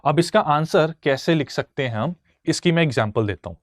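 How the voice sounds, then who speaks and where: A man's voice: a little high, lively intonation, brisk, no echo, clean studio sound. A young man teaching exam answer writing, mixing English phrases into his speech. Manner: mixes English phrases into his speech, asks "theek hai" often. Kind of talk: explaining answer writing in a lesson.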